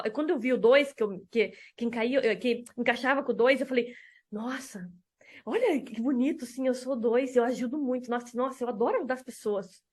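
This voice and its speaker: High-voiced woman teaching casually. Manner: animated storytelling, acts out dialogue. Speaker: enneagram therapist. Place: lives in Spain.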